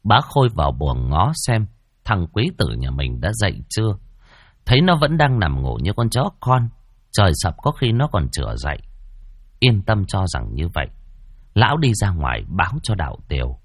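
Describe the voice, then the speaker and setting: Husky-voiced male ghost story narrator. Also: sits low, normal speed, no echo, studio quality. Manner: dramatic, expressive storytelling.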